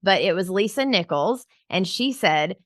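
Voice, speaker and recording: A woman's voice: medium pitch, expressive, measured pace, a bit bright, dry recording, studio quality. A woman co-hosting a podcast for professional organizers, talking in an upbeat, chatty way with many filler words. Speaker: podcast co-host. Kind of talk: casual podcast chat.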